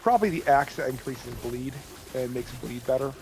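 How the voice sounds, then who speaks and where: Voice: medium pitch, expressive, normal speed, a little mellow, poor audio. A gaming partner chatting casually, thinking aloud about loot and character builds.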